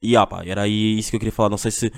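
A man's voice: lowish voice, little pitch movement, very fast, gravelly, no room sound, studio quality. A young man with a Portugal accent hosting a casual solo podcast, rambling in slang with constant fillers. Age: young adult. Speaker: podcast host.

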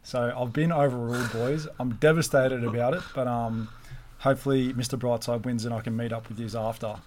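Laid-back Australian podcast host. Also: male voice, medium pitch, fairly even intonation, brisk, a little mellow. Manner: cheeky, teasing, laid-back banter. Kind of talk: casual podcast chat.

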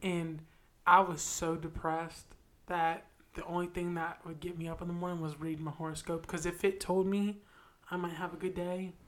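A woman in her twenties co-hosts a casual podcast, speaking at a moderate pace in a fairly low, level voice. She rambles, with lots of "like" fillers.

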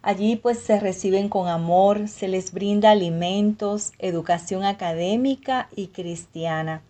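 A woman hosting a podcast, giving a measured, gentle scripted narration. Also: medium pitch. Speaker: podcast host.

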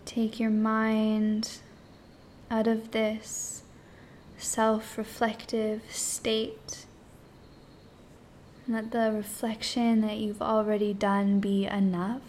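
A woman leading a guided meditation in a soft, hushed, partly whispered voice, speaking in short phrases with long pauses. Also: fairly high pitch, monotone, slight background noise.

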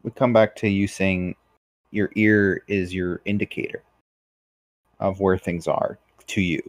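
Deep voiced guy hosting a chat, thoughtful, asks lots of questions, dry sound. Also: fairly even intonation, unhurried, no room sound. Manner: reflective, asks probing questions. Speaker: host. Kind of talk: casual discussion.

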